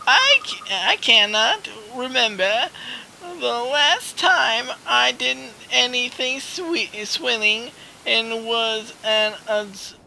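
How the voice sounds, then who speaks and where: Guy putting on a sweet old granny shopkeep voice, higher and bright, trips over the words. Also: vocal fry, slight background noise, heavily acted, poor audio. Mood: affectionate. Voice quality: stumbling, halting reading. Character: kindly old woman shopkeeper, fond and motherly.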